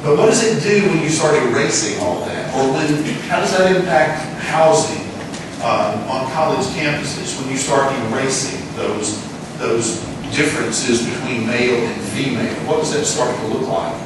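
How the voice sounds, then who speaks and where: A man's voice: medium pitch, expressive, moderate pace. A middle-aged man giving earnest testimony before a legislative committee, explaining and posing rhetorical questions, heard in an echoey hearing-room recording from far off. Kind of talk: spoken testimony. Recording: echoey distant room with hiss.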